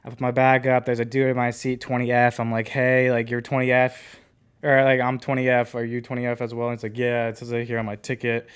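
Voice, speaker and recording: A man's voice: medium pitch, monotone, brisk, clean tone. A man co-hosting a podcast, casually telling a rambling story full of filler words. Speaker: podcast co-host.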